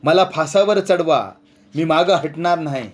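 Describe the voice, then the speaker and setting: A man voicing a hot-headed village washerman who shouts defiantly in rustic speech. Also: sits high, steady tone, quick pace, voice pushed up, close to an everyday voice. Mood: angry.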